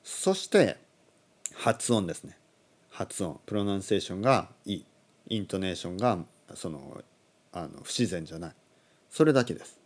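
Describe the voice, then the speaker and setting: A man in his thirties teaching on a casual podcast, animated, chuckling, and correcting his own phrasing aloud. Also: low voice, moderate pace, pauses often. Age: 30s. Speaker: Japanese language teacher, podcast host.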